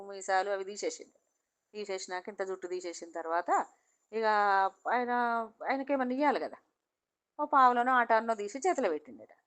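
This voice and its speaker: A woman's voice: mid-range voice, a bit bright. Woman telling a folk tale in Telangana accent. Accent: Telangana Telugu. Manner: repetitive, chatty retelling. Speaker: storyteller. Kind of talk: oral folk storytelling.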